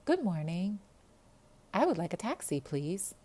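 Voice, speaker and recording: Polite young refugee girl, careful formal speech, lively voice, played by a woman reader. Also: fairly low pitch, unhurried, pitched above the performer's own voice.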